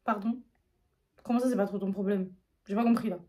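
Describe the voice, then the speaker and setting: A young woman from France tells a story from her own life in a rapid, casual vlog manner. She talks in slang and jumps into other people's lines as she tells it. Her voice sits at a middle pitch and races along. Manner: fast, slangy, animated retelling. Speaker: YouTuber.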